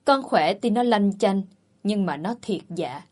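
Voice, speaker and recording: A woman's voice: medium pitch, expressive, unhurried, a little mellow. A woman voicing an older, wealthy matriarch who speaks with cutting contempt. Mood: scornful. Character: older rich matriarch, scornful and sharp.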